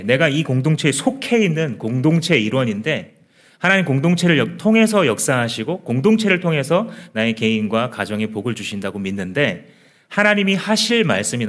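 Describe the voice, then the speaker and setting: A man's voice: medium pitch, very animated, normal speed, fairly bright tone. A male pastor preaching a sermon in an earnest, conversational way, often asking the congregation questions.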